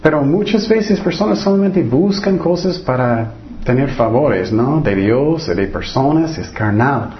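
This unhurried, expressive preacher speaks in a mid-range voice over dull audio with a little hiss or hum. Reading from the Bible, he keeps restarting lines, challenges listeners with rhetorical questions, and imitates the characters he describes.

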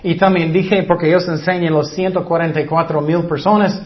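A man's voice: on the high side, steady tone, fairly quick, dull audio. A man preaching an informal sermon in a conversational way, with fillers and quoted scripture.

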